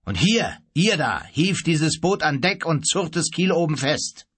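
A man voicing a gruff, blustering ship captain who barks orders and threats in an audiobook. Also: on the high side, sing-song, moderate pace, no echo. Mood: commanding. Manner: loud, threatening, commanding.

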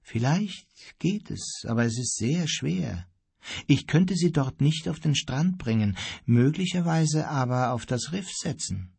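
A man doing a gentle old sea pilot from an audiobook, quiet and unhurried, with a husky grain to his low-key voice. He sounds patient and unshaken. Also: animated, no echo, exaggerated voice. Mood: calm, gentle. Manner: soft-spoken, quiet and unhurried.

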